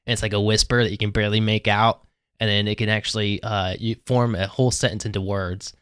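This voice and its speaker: A man's voice: lowish voice, little pitch movement, fast talker, a bit bright, smooth, no room sound, studio quality. A man narrating a tabletop game as game master, loose and laughing with lots of fillers.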